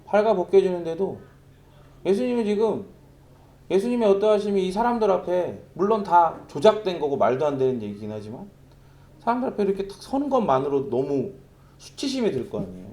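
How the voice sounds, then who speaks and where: Very animated and fairly quick, a middle-aged pastor with a high, mellow voice preaches a storytelling sermon. He keeps it conversational and acts out sounds vividly.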